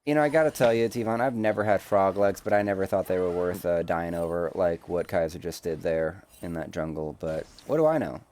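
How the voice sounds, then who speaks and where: A man calling a video game match play-by-play, quick and jokey, getting louder in big moments. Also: sits low. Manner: rapid play-by-play, jokey banter, rises excitedly in big moments. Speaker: esports play-by-play caster. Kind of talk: live game commentary.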